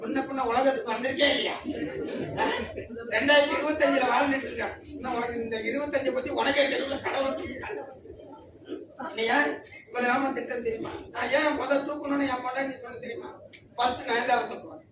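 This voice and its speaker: A man's voice: extremely high pitch, fairly even intonation, fairly quick. A man voicing a poor male woodcutter who pleads and wails, during a speech. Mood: cheeky. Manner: pleading, wailing. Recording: echoey hall, from far off, noisy.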